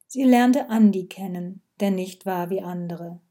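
A woman narrating a story in a calm, measured read that sometimes sinks to a whisper. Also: medium pitch. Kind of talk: scripted narration.

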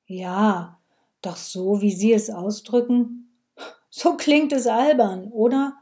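Gruff male policeman voiced by a woman, loud, clipped, sneering, mellow voice, audiobook. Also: fairly high pitch, slow. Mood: mocking.

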